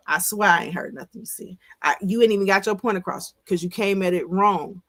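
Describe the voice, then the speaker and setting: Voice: medium pitch, pushed and bright. A co-host of a casual podcast, speaking frankly and emphatically about relationships.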